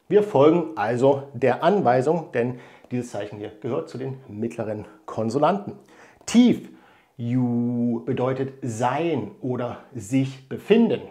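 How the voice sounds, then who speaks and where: A man teaching a language lesson, explaining words and tones slowly and carefully, step by step. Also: mid-range voice, a little mellow.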